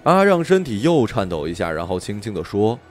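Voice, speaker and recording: A male storyteller narrates an audiobook, and his pitch rises and falls widely as he tells the story. He sounds expressive and animated, with faint music playing underneath. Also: brisk.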